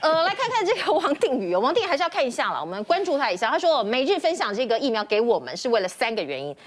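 Quick, chatty female talk show host. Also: high-pitched, very animated. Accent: Taiwanese Mandarin. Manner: brisk, chatty, with frequent "哦" tags. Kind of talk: news talk show hosting. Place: television studio.

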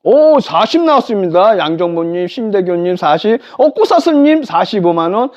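An excitable live-stream auctioneer selling furniture, calling out bids and repeating prices. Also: mid-range voice, moderate pace. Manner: excitable, exclaiming. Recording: dull lo-fi live-stream audio.

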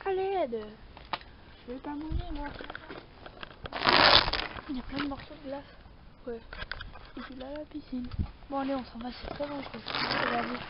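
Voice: sits high, moderate pace, pauses often. A young girl voicing her toy figures as they play on ice outside, playful, swearing and crying out in pain. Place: outdoors on ice in winter. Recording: dull sound, loud outdoor noise.

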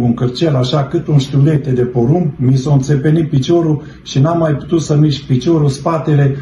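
A man's voice: a little high, warm tone. A middle-aged man giving an earnest, fervent religious testimony, telling his story and calling his listeners brethren. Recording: roomy, dull, slightly noisy.

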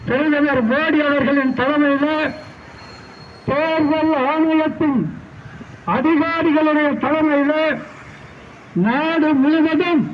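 A man speaks at an outdoor street protest, delivering political oratory in slow, measured phrases. His voice sits very high, and he leaves long pauses between short phrases. The recording is dull and lo-fi, with faint street and vehicle noise behind him.

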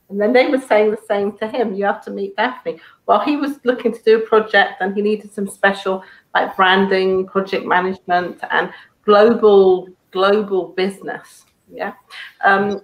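A woman speaks as a guest on a video call talk show. She tells a personal story in a relaxed, chatty way, laughing often as she goes. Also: medium pitch, rough recording. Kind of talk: casual chat.

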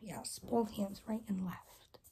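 A young woman plays a kindly fairy in an ASMR role-play. Her soft voice is breathy, soft and mellow with a crackly edge, and she reassures gently. There is a faint noise behind her in a small room. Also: mid-range voice, steady tone, takes it slowly. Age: young adult. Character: caring, soft-spoken rainbow fairy guide.

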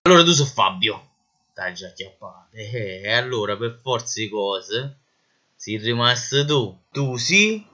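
Casting: male actor as a bullying Neapolitan marshal, theatrical and sarcastic, forceful tone, parody dub. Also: medium pitch, very animated, a little slow, exaggerated voice. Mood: exasperated. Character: exasperated, bullying police marshal berating a rule-breaker. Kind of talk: comic parody dub of a fantasy film. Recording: muffled lo-fi dub.

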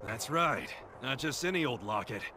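Confident little detective creature. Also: male voice, mid-range voice, animated, a little slow, creaky, a little hiss or hum, full character voice. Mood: knowing, assured. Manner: assured, knowing detective talk. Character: small male Pikachu detective, confident and shrewd. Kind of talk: video game cutscene acting. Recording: game audio under loud music.

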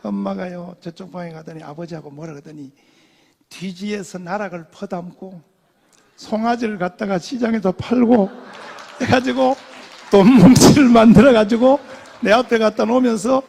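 An older man preaching a testimony sermon, emphatic and repetitive, dropping to murmurs and then rising to shouts. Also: high-pitched, normal speed, creaky, a little hiss or hum. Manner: emphatic, repeats phrases, swings between murmurs and shouts. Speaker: pastor.

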